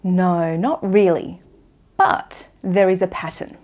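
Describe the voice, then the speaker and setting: An Australian woman giving an instructional pronunciation lesson, enunciating slowly and carefully for language learners. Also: fairly low pitch, steady tone, a little mellow. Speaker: English pronunciation teacher.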